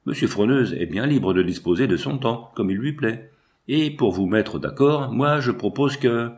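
A man reading the part of an eager, well-off bourgeois father in a storybook, quick to exclaim. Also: medium pitch, expressive, darkish tone, close to an everyday voice.

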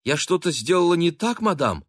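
A man voicing a polite young woman in an audiobook, speaking in a high, timid, questioning way. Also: sing-song, moderate pace, fairly bright tone, dry recording, studio quality. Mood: bewildered.

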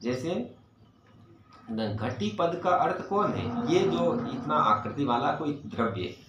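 A man teaching Sanskrit grammar to a class, explaining patiently, asking his students questions and reciting verses slowly. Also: on the high side, big pitch swings, background noise. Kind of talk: classroom lecture. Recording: echoey, dull lo-fi room recording.

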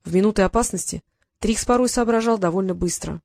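A woman reading an audiobook story in an even storytelling manner. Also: medium pitch, quick pace, vocal fry, dry recording, studio quality. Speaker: narrator. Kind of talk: audiobook narration.

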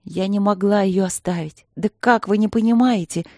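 A woman voicing a defiant young woman of twenty-three, snapping back in a hoarse voice. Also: mid-range voice, normal speed, dark tone, dry recording, clean studio sound, pitched above the performer's own voice, close to an everyday voice.

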